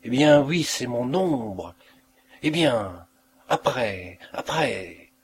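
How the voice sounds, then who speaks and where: A man's voice: lowish voice, lively intonation, unhurried, creaky, slight background noise. A man voicing an anxious, frightened mother in a read-aloud story, speaking with a tense, unsteady manner. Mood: defiant.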